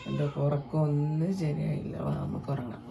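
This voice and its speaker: A woman in a family vlog, talking tenderly to a toddler and the viewers in a soft, drowsy tone. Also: sits low, fairly even intonation, normal speed, gravelly. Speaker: parent vlogger.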